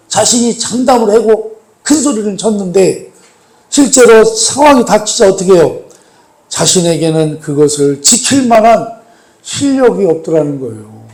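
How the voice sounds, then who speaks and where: Warm-voiced pastor in an echoey church. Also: male voice, sits high. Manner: asks the congregation rhetorical questions; emphatic, swells louder on key points. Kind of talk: sermon. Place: church sanctuary.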